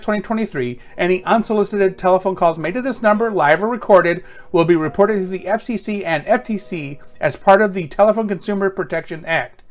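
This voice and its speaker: A man reading out a stern, formal outgoing voicemail message in a measured, official manner. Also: sits high, natural voice.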